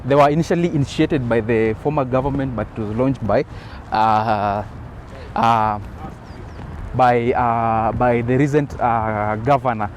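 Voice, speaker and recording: A man's voice: medium pitch, steady tone, measured pace. A man hosting a casual walking tour vlog, speaking hesitantly and often repeating himself. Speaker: vlog host. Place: outdoors at a city bus terminal. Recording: outdoor city traffic noise. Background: faint traffic and street ambience.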